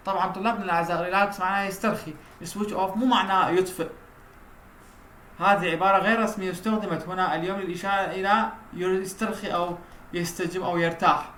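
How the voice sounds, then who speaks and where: A man's voice: fairly high pitch, a bit bright, a little hiss or hum. Man lecturing in an echoey room. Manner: reads English headings slowly, explains quickly in Arabic. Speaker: university lecturer. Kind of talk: recorded lecture.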